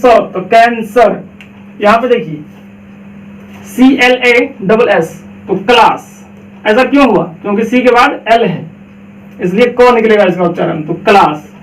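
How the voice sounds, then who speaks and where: A man's voice: very high voice, fairly bright tone, roomy sound, far from the mic, low-quality recording. A man teaching a pronunciation lesson, explaining step by step and asking and answering his own questions, with a Bihari Indian accent. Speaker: English teacher.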